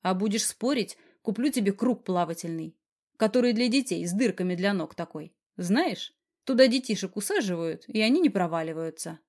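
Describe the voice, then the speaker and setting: A woman reading an audiobook and voicing a stern, protective young male boss who speaks slowly and firmly. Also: medium pitch, expressive, darkish tone. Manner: slow, firm, growling.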